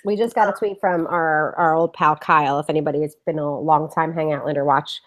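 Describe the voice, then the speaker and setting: A woman's voice: low-pitched, fairly even intonation, fairly quick, slight background noise. A woman co-hosting a casual fan discussion and reading out viewer tweets, rambling and correcting herself as she goes.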